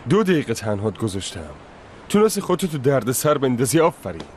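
A man's voice: medium pitch, big pitch swings, background noise, lightly acted. A man voicing a protective young lover in a dubbed TV drama, earnest and reassuring. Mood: teasing. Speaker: dubbing actor. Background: background score.

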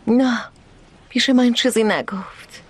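Woman dubbing a troubled young woman, plaintive, high voice. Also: a little hiss or hum, natural voice. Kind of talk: dubbed television drama.

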